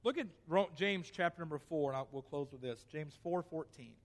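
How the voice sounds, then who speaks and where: A male pastor delivers a sermon in a church, reading scripture aloud before driving his point home with rising emphasis. His voice sits on the high side and moves briskly, trailing a long reverb tail.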